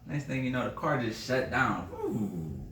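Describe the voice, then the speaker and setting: A man tells a story on a podcast, his pitch swinging widely as he gets worked up. He sounds set back from the mic in an echoey room with faint noise behind. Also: unhurried, recorded from a distance. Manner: animated, profane, laughing storyteller. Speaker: podcast co-host. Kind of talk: casual storytelling chat.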